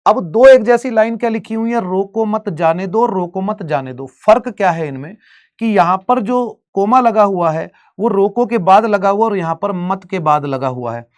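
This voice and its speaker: Guy from bihar teaching grammar, high voice, keeps asking the class questions. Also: expressive, normal speed. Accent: Bihari Hindi. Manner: explains step by step, asks students rhetorical questions. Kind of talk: exam-prep grammar lesson.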